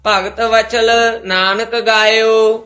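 Very slow, bright, flat-toned male reciter. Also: sits high. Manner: very slow, measured, even reading. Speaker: student reciting. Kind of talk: scripture recitation practice.

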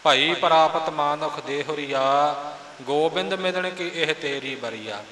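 A man preaching, explaining the meaning of a hymn in a measured way and quoting verses. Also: fairly high pitch, sharp tone. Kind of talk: sermon exposition. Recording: roomy hall reverb with faint hiss.

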